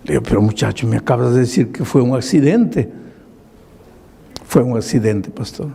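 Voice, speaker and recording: A male pastor telling a story in a sermon, slowly acting out the dialogue. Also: medium pitch, lively intonation, vocal fry, mellow, slightly rough. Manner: slow, dramatic retelling with quoted dialogue. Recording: long reverb of a large hall.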